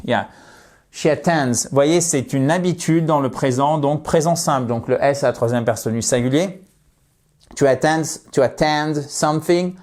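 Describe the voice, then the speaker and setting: A man teaching English vocabulary in a video lesson, deliberately repeating each example sentence. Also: mid-range voice, a little mellow. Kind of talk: video lesson for French speakers.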